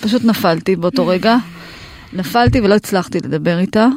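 A woman guest telling her story with halting restarts, her voice rising when she quotes herself. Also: medium pitch, a little mellow, slight background noise. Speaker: guest, mother. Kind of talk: emotional personal storytelling.

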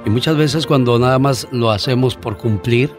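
A man's voice: medium pitch, soft background music. A man, a guest on an interview show, telling stories in a casual, earnest way with fillers. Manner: warm storyteller, earnest, pauses with fillers.

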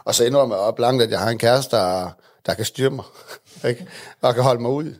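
A man in his thirties, a guest in a casual chat, telling candid stories with frequent laughter. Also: mid-range voice.

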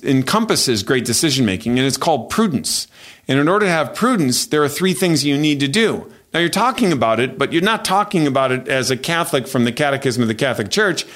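Male podcast host, mid pitch, animated, emphatic, faith advice talk.

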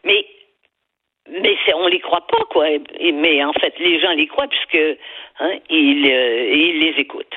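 A woman's voice: low-pitched, a little slow, husky. An older woman with a Québécois accent calling in to a radio talk show, emphatic and opinionated, often repeating words as she searches for them. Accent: Québécois French. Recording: tinny phone line.

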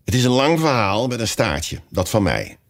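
A man reading a storybook aloud, voicing a touchy little mouse that turns shrill and indignant. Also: big pitch swings, normal speed. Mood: sighing. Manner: shrill and easily offended.

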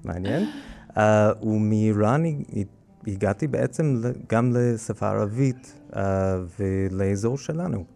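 A man with a lowish, mellow voice and a strong American English accent in Hebrew. He speaks as an interviewed curator, explaining haltingly, with restarts and a gravelly creak. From United States. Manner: halting, with frequent hesitations and restarts. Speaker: guest curator of a library collection.

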